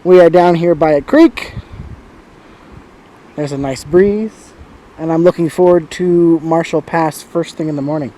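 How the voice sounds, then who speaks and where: A man's voice: fairly high pitch, unhurried, pauses often, dark tone, rough recording. A man giving a casual, laid-back trip update with dry humour, recorded outdoors beside a babbling creek. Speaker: travel vlogger. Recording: outdoor creek and breeze noise. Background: running stream water.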